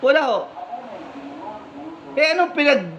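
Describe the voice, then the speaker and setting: A man voicing a stern, fair-minded male vineyard owner who questions his workers firmly and deliberately. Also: very high voice, very animated, fairly bright tone, heavily acted. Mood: questioning. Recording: slightly muffled, faint background hum.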